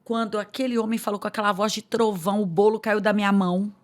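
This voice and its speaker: A woman's voice: medium pitch, flat delivery, fast talker. A woman pastor telling her personal testimony in conversation, emotional and acting out the voices she quotes. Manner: emotional storyteller who acts out quoted voices.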